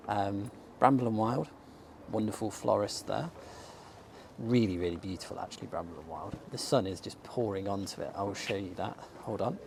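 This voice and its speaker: An English bookshop owner and vlogger films himself with a handheld camera while walking up a sunny outdoor shopping street, chatting enthusiastically with frequent ums. His lowish voice is creaky and a little mellow, slightly going hoarse, with faint street ambience and slight background noise.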